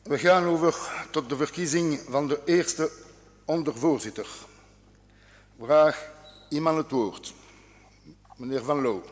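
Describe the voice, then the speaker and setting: A man's voice: fairly high pitch, slow pace, long pauses. A man chairing a formal parliamentary session, announcing votes with occasional hesitations. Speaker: presiding officer of a parliamentary session. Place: large parliamentary chamber. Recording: long hall reverb.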